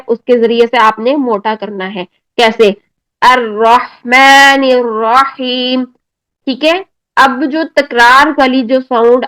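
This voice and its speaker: A woman with a Pakistani Urdu accent teaching an online recitation lesson, patiently explaining step by step and slowly demonstrating drawn-out recited words. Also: a little high, fairly bright tone, clean tone, poor audio.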